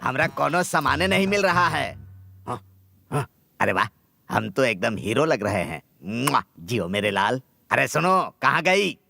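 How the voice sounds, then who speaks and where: A man's voice: mid-range voice, very animated, measured pace, vocal fry, sharp tone, no echo, exaggerated voice. A man dubbing a lazy, bossy husband who grumbles and demands things in a comic film scene. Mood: grumbling. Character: bossy, lazy middle-aged husband who nags his wife.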